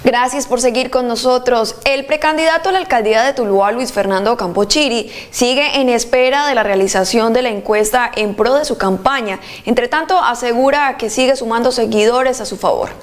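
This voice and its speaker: Female news anchor, slightly high voice, formal scripted delivery. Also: normal speed, hardly any pauses.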